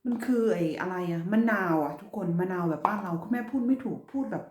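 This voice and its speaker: A middle-aged woman from Thailand chatting casually while cooking at home, switching between Thai and halting English and stumbling over some English words. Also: on the low side, darkish tone. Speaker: cooking vlogger. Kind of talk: casual cooking vlog chat. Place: home kitchen. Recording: echoey kitchen with clear background noise.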